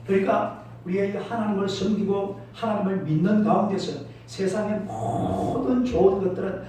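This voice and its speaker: A man's voice: high voice, expressive, normal speed, dark tone, slight background noise. A male pastor preaching a sermon, emphatic, calling out to the congregation for responses. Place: church sanctuary. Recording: echoey church hall from far off.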